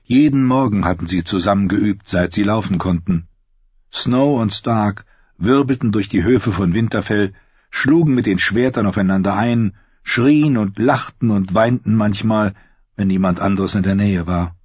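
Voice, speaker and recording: A man narrating an audiobook in a steady, measured storytelling voice, recorded close on a slightly dull lo-fi recording. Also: fairly low pitch, breathy edge, dry recording.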